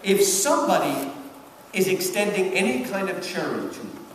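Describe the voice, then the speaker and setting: Here the man speaks in a high, sing-song voice at a moderate pace, giving a live lecture of literary commentary with rhetorical emphasis and regular check-ins with the audience. It was recorded far off in a large, reverberant public-event hall, so it's echoey and noisy.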